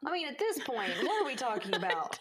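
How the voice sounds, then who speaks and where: A woman's voice: sits high, big pitch swings, fast, fairly bright tone, slight background noise. A woman co-hosting a casual podcast chat, blunt and exasperated, with petty jokes. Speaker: podcast co-host.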